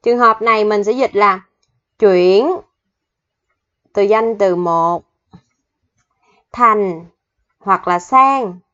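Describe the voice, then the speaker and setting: A woman teaching Korean vocabulary, patiently slowing down to spell out the grammar and pronunciation rules. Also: mid-range voice, fairly bright tone, highs cut off. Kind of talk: explaining vocabulary lesson.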